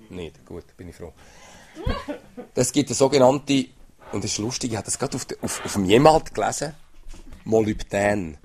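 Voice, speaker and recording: A man's voice: on the low side, creaky, a little hiss or hum. A man gives an informal sermon to a small group, talking in a conversational way and often asking "oder?". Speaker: lay preacher.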